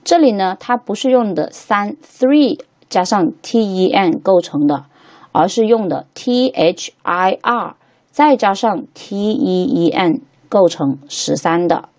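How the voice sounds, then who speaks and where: A woman teaching a beginners' textbook lesson at an unhurried pace, patiently saying each word three times over. Her voice sits at an ordinary middle pitch. The recording is slightly muffled and lo-fi. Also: expressive, a little mellow. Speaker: English teacher.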